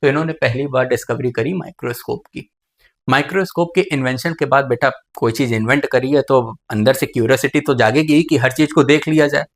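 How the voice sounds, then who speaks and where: A man with a mid-range voice gives a brisk biology classroom lecture. He often calls students "beta" and asks questions that he then answers himself.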